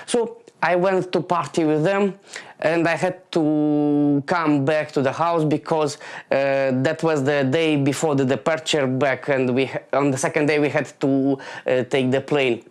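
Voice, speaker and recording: A man in his late twenties from Moldova, delivering a halting stand-up comedy monologue full of fillers and restarts. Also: a little high, steady tone, clear, resonant tone.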